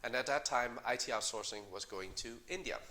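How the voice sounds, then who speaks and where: A middle-aged man, a company co-founder, answering interview questions in a measured way with many fillers and restarts. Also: mid-range voice, pushed and bright, slight background noise. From Denmark.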